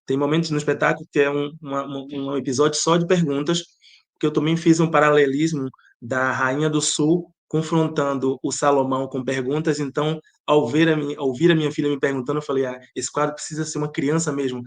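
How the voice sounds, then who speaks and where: A playwright and director from Bahia, Brazil, answers interview questions thoughtfully, searching for words and restarting his sentences often. His accent blends Bahian and European Portuguese, and his fairly high voice moves fairly quickly with a steady tone.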